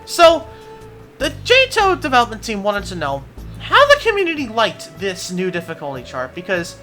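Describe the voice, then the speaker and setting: A woman's voice: mid-range voice, wildly swooping pitch, moderate pace, a bit bright, faint music behind. A woman giving casual commentary in a gaming vlog, amused and sarcastic, often close to laughing. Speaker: gaming video creator.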